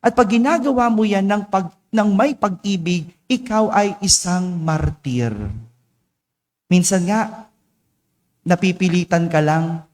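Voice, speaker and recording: A Filipino priest with a high voice and a slightly hoarse edge preaches in a conversational way, checking in with his listeners again and again. His voice rings with the long reverb of a large church hall. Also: slow pace, pauses often, a little mellow. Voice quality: hoarse after vocal cord surgery. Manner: conversational, keeps asking "no?" and "di ba?". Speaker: parish priest. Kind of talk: sermon.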